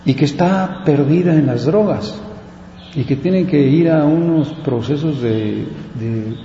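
A man leading prayer and a spoken meditation in a reflective way, often pausing on filler words. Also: on the high side, warm tone. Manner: reflective, frequent "pues" fillers. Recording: dull echoey hall with faint hiss.

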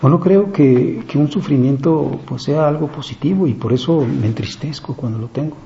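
A priest giving a reflective, conversational meditation on a gospel reading, pausing often and speaking in a gentle, searching way. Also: male voice, a little high, vocal fry. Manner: reflective, conversational preaching with many pauses and fillers. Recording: slightly dull, faint background noise.

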